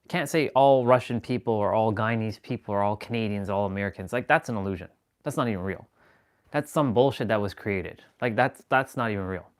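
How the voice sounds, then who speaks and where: A man's voice: on the low side, fairly quick. A man hosting a live stream, talking in a rambling, self-assured spiritual monologue and restarting sentences as he goes.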